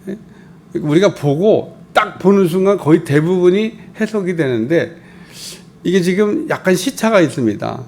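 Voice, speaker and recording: A man's voice: high-pitched, animated, normal speed, darkish tone, slight background noise. A middle-aged male pastor preaching an early-morning sermon in a colloquial way, acting out the voices he quotes.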